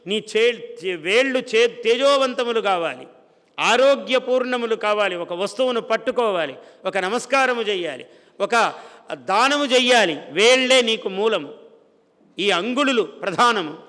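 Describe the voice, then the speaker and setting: A man's voice: high-pitched, lively intonation, a little slow, pushed and bright, long reverb tail. A man from India giving a devotional discourse. He chants verses and then explains them plainly, often asking a question and answering it himself. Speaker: spiritual speaker.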